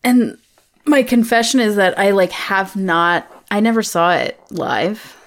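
Candid, offhand woman guest, medium pitch, casual. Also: unhurried. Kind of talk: casual chat.

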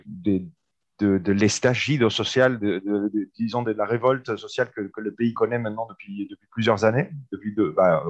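A man's voice: fairly low pitch, muffled recording. A man from Argentina, a seminar discussant commenting on a book, speaking hesitantly with many fillers and restarts.

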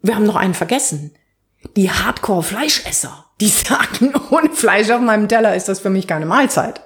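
A woman's voice: mid-range voice, expressive, moderate pace, fairly bright tone. A woman hosting a podcast, presenting and chatting in a structured, explanatory way with vivid examples. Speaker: podcast host.

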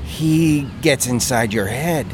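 A man's voice: medium pitch, slow, over music. A man who is a guest actor, chatting in an easygoing, wry, teasing way outdoors in a city park. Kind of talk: casual chat. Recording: clear street noise behind. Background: city traffic noise.

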